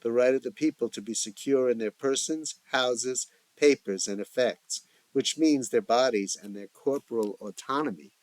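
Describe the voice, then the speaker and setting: A man voicing a calm, reasoning middle-aged man who lectures the others in an audio story. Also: medium pitch, moderate pace, dry recording, natural voice. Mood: lecturing.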